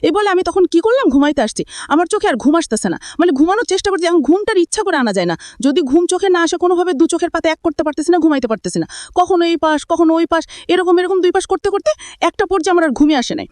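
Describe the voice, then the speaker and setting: A man's voice: very high voice, rapid-fire, no echo, clean studio sound. A man, telling his own story in a rambling way full of repeats and restarts. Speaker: storyteller recounting his experience. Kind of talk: casual first-person storytelling.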